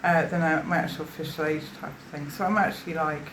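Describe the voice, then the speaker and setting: This witness statement comes from a woman in her fifties from South Africa who talks fast in a low, fairly even voice, her account hesitant and meandering with many fillers and false starts. Slight background noise and a roomy echo are audible.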